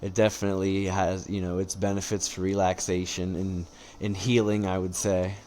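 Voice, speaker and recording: Male competitor as interview guest, low register, measured and conversational, faint noise behind. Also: monotone, darkish tone. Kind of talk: casual podcast interview chat.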